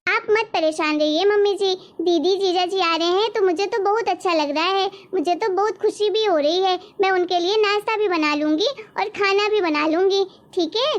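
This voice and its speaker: A woman's voice: very high-pitched, normal speed, few pauses. A woman voicing a sweet, eager young daughter-in-law in a cartoon story. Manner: sweet, reassuring.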